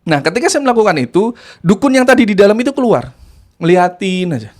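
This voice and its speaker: A man with a notably high voice recounts events in a relaxed, conversational way. His delivery is animated, dropping low and quiet, then rising with excitement. He sounds like a spiritual practitioner sharing his experiences. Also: quick pace. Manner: animated, swinging between hushed and excited. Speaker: ruqyah practitioner telling of an exorcism. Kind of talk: casual storytelling.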